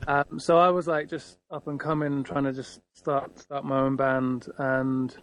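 Man with a gravelly voice telling a rambling story. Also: medium pitch, little pitch movement, measured pace. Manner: rambling, heavy with fillers, acts out quoted lines. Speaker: guitarist guest. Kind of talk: casual anecdotal storytelling.

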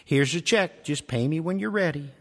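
A sassy diner waitress, brisk and teasing, her voice pitched up high as a male storyteller puts her on. She bounces lively through her lines, recorded live with a long church-hall echo behind.

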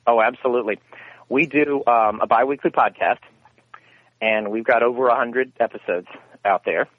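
A man with a mid-range voice speaks at a moderate pace as he answers interview questions. As a radio theater founder and guest, he rambles through his anecdotes and revises himself as he goes, over a dry, tinny phone line.

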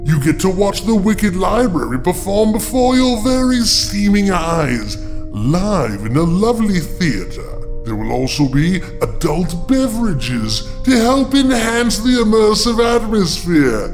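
Creepy librarian host, played by a man: high, sing-song, slow, relishing menace. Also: big pitch swings, over music, full character voice. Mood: sinister glee. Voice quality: drawn-out, relishing delivery with mock-menacing laughter. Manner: teasingly addresses listeners as kiddies. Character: creepy theatrical male librarian, gleeful and sinister. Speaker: show host character.

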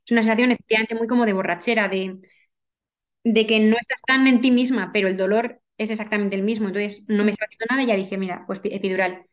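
A woman's voice: mid-range voice, fairly even intonation, fast talker, highs cut off. A woman telling a personal story as a podcast guest, earnest, with many restarts and repetitions.

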